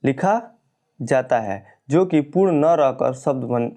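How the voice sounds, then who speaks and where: A man teaching an exam-prep class, reading out questions and answers and explaining them slowly, drawing out the example sounds. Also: mid-range voice, lively intonation, dark tone.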